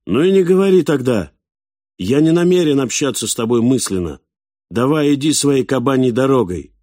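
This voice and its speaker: A man voicing a wary adult male traveler who speaks loudly and commandingly. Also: medium pitch, lively intonation, moderate pace, dry recording, studio quality, voice pushed up, lightly acted. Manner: loud, commanding.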